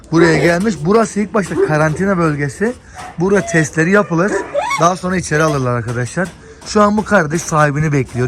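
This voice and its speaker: A man vlogging casually as he walks through an animal shelter, talking straight to his viewers and calming the dogs along the way. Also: a little high. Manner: chatty, addresses viewers directly, talks gently to dogs. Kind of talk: casual walk-and-talk vlog. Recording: noisy outdoor phone video with dogs. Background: dogs barking.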